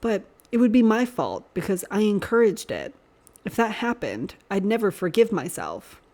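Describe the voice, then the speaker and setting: A woman voicing a male priest with a low, rumbling, growling voice, soft and restrained. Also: very animated, moderate pace. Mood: low, tender.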